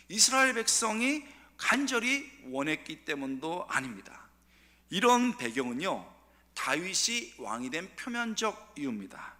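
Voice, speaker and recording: Dramatic male pastor in a reverberant church. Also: sits high. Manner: dramatic, acts out quoted voices with sudden shouts and hushed whispers. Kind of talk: revival sermon. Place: church sanctuary.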